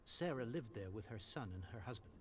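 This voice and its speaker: An actor playing a stern, grieving older father who speaks in a formal, insistent, measured way. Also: mid-range voice, lively intonation, lightly acted. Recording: noisy game audio.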